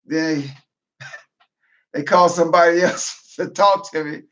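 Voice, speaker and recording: A man, a military veteran, talking in a loud, profane, casual monologue, breaking into laughter as he goes. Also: a little high, a little slow. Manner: loud, profane, laughing asides, animated rant.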